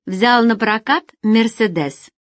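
A woman voicing a haughty, shrill young secretary. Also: slow, no room sound, studio quality. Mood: teasing. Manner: condescending, shrill when irritated.

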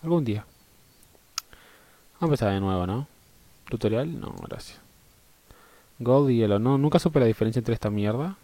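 A man's voice: medium pitch, lively intonation, fairly quick, long pauses, dark tone, no echo. A man with an Argentine Spanish accent chatting casually and swearing as a live game streamer, often muttering to himself.

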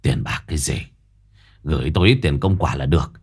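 A man voicing a greedy, crafty old fake sorcerer who talks low and wheedling. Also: fairly quick, a little mellow. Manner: low, gruff, sly and wheedling.

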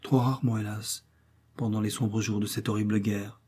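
A man voicing a gracious captain's wife who speaks gently and earnestly, in an audiobook reading. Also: mid-range voice, normal speed, breathy edge, natural voice.

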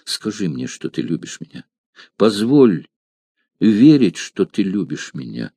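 A man voicing an ardent young male gladiator in an audiobook, speaking in soft, passionate, pleading tones. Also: mid-range voice, moderate pace, no room sound, close to an everyday voice.

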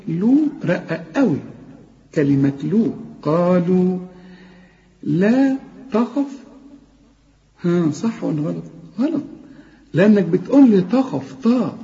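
Egyptian tajweed teacher, male, mellow fairly high voice, drills words slowly, dull lo-fi audio. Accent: Egyptian Arabic. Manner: corrects pronunciation, repeating words slowly and drawn out. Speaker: Quran recitation teacher. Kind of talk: tajweed correction lesson.

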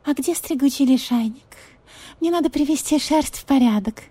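A pampered Persian cat lady who whines and begs in a thin, squeaky voice, as a woman puts her on. She is capricious and demanding, and her pitch sits far above the narrator's own. It is told as a storybook audiobook. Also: moderate pace, warm tone, lightly acted. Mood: whiny. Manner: whiny, squeaky and pleading.

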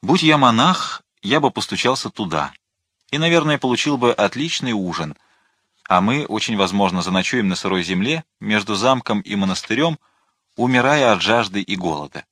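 A man's voice: fairly low pitch, expressive, moderate pace, fairly bright tone, dry recording. A man reading an audiobook and voicing a bold, cocky young musketeer with a mocking edge, in a dry studio recording. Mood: musing.

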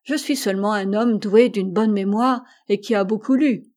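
A woman reading the lines of a modest, well-read male ship's doctor in a raised, animated voice. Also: mid-range voice, normal speed, close to an everyday voice. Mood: explaining.

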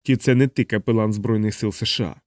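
A man's voice: fairly low pitch, fairly even intonation, quick pace, darkish tone, dry recording, studio quality, close to an everyday voice. A man voicing a contemptuous, menacing male army colonel in an audiobook. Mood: menacing contempt. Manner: menacing, sneering, condescending.

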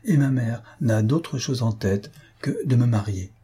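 A man reading a timid young woman who pleads and refuses in a raised, soft tone. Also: mid-range voice, expressive, a little slow, slightly rough. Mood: sorrowful.

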